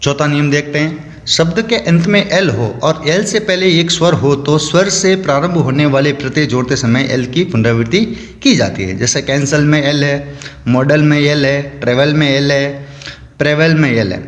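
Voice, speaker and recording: A man teaching a lesson, slowly and methodically explaining rules and spelling out example words. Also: fairly high pitch. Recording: echoey room with long reverb.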